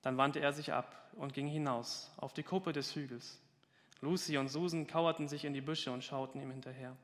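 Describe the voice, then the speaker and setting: A man's voice: medium pitch, steady tone, normal speed, a bit bright, in a large hall. A man reading a story aloud with dramatic emphasis during a talk.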